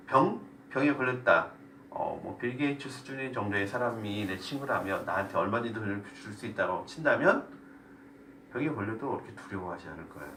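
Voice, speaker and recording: A man's voice: medium pitch, fairly bright tone. A man pastor leading a Bible study sermon, asking the group questions and explaining. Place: church room. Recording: echoey room, voice from a distance, faint noise.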